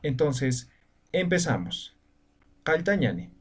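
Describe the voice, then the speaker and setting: Slow man teaching, slightly distant. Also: fairly high pitch, sing-song, background noise. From Bolivian altiplano. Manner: patient, repeats words and tags phrases with "¿no?". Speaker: Aymara language teacher. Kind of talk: slow video lesson.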